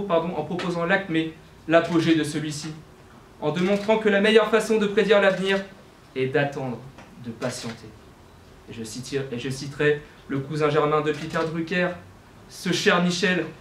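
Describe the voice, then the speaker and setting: The speaker is a young man with a fairly high voice, competing in a student eloquence contest inside a university lecture hall. He uses rhetorical questions and corrects himself slightly as he declaims, against faint ambience and slight background noise in the roomy space.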